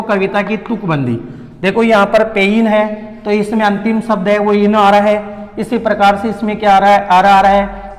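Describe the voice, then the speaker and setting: A man's voice: sits high, echoey room, in a large hall. A male teacher giving a poetry lesson who keeps asking questions and answering them himself, repeating the key terms.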